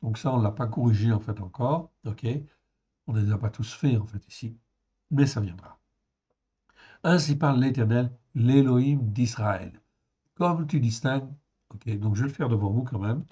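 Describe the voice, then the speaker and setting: A man's voice: medium pitch, mellow, slightly rough, dull audio. A man giving a Bible study lesson, explaining word by word and checking in with "ok?" as he goes. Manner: slow and explanatory, with frequent "en fait" and "ok?". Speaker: Bible teacher.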